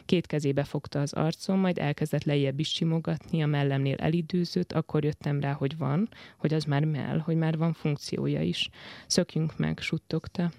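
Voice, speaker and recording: Gravelly-voiced woman reading her own story. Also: low voice, dark tone, no echo, clean studio sound. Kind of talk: literary first-person story reading. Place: radio studio.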